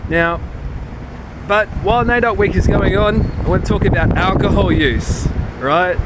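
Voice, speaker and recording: A man's voice: high voice, measured pace. An Australian man giving a casual, blunt and sweary monologue as a vlogger, rambling as if drunk. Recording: noisy outdoor recording with traffic.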